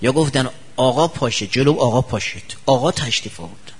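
A man's voice: lively intonation, slightly rough. A male preacher giving a sermon full of anecdotes, acting out the people he quotes with sudden jumps in his voice. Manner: acts out quoted people with sharp pitch jumps.

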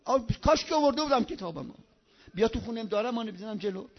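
An impassioned male preacher delivers a storytelling sermon over a loudspeaker, swinging between fervent outbursts and quiet, hushed stretches. His voice sits very high for a man. The recording is dull and lo-fi. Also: expressive. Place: speaking over a loudspeaker in Qom.

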